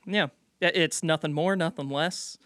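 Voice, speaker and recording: A man's voice: a little high, moderate pace, dry recording, clean studio sound. A man co-hosting a podcast in casual, teasing chat. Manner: joking, teasing, animated. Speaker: podcast co-host.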